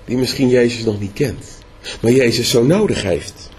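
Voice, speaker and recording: Husky-voiced man preaching conversationally. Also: medium pitch, normal speed, a little mellow. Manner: conversational, asks rhetorical questions. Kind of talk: sermon.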